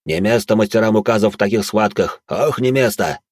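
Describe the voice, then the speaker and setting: A man's voice: on the low side, fairly quick, dry recording, studio quality, lightly acted. A man voicing a mocking, battle-hardened old man in an audiobook who sneers and barks orders. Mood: commanding. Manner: gruff, sneering, barks commands.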